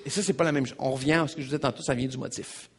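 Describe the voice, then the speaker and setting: Delivering his sermon in a Québécois French accent, this male pastor is animated and emphatic, repeating lines and addressing the congregation head-on. His pitch is medium, his delivery rapid-fire, with a slight hiss or hum in the audio.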